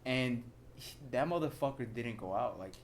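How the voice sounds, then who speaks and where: A man's voice: medium pitch, lively intonation, normal speed, a little hiss or hum. A young man from Southern California, co-hosting a podcast in loose, profane, filler-heavy casual chat. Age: young adult. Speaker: podcast co-host.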